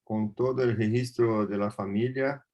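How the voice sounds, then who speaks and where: A man's voice: lowish voice, steady tone, measured pace, highs cut off. A man moderating an online clinical case discussion, hesitant and often repeating words. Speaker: meeting moderator.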